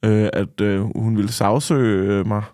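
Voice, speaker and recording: A man's voice: fairly low pitch, steady tone, darkish tone, dry recording, clean studio sound. A man in his thirties co-hosting a podcast, telling crude party stories with lots of swearing and laughter. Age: 30s. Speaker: podcast co-host. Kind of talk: casual storytelling chat.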